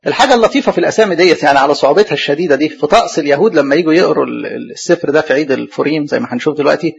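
An Egyptian preacher man with a gravelly, husky voice races through a Bible study sermon, tossing rhetorical questions at his listeners and answering them himself. He slows down to spell out and repeat difficult names. The recording is dull and lo-fi. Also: on the high side. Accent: Egyptian Arabic.

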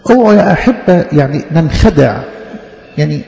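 A man's voice: on the high side, lively intonation, brisk, creaky, warm tone. A man preaching a sermon in an Egyptian Arabic accent, teaching earnestly and repeating his points. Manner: earnest, repetitive teaching cadence with acted quotations. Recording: dull echoey church hall.

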